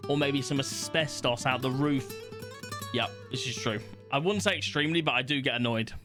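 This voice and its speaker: During a casual livestream, a young man reads test questions out loud to his audience, blunt and occasionally swearing. He speaks at a medium pitch and moderate pace over music.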